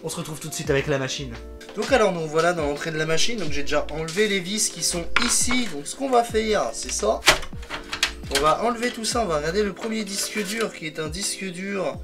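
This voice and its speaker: A man's voice: high voice, lively intonation, brisk, over loud music. Rambling French-speaking man, tech vlog. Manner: rambling, self-correcting, fond of "donc". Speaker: tech video creator. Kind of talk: casual hands-on tech vlog.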